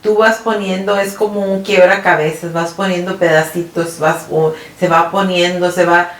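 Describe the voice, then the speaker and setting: Woman co-host, lowish voice, casual faith chat, checks in with "¿verdad?", echoey room. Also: steady tone, normal speed. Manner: often tags phrases with a questioning "¿verdad?". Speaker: podcast co-host.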